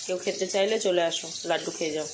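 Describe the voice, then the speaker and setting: A woman's voice: on the low side, steady tone, background noise. A young woman narrating her cooking and housework to viewers in a casual, chatty way, recorded at home on a phone. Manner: chatty, talks straight to viewers with quick asides. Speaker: homemaker vlogger. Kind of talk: casual cooking and chores vlog. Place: home kitchen.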